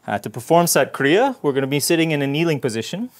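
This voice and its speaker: A man's voice: on the high side, sing-song, fast. A man teaching a guided yoga class, giving encouraging instructions and slightly out of breath.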